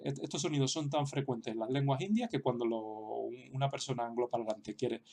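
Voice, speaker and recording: A man's voice: mid-range voice, mellow. A man giving an explanatory lesson as a teacher, talking hesitantly with many fillers and restarts. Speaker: Sanskrit teacher.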